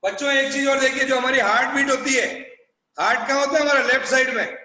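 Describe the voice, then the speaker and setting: A male school teacher with an Indian accent dictating a lesson to children, slowly and repetitively, in a classroom. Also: very high-pitched, steady tone, bright, forceful tone, muffled recording. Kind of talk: classroom lesson, mixing Hindi and English. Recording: echoey classroom, far from mic.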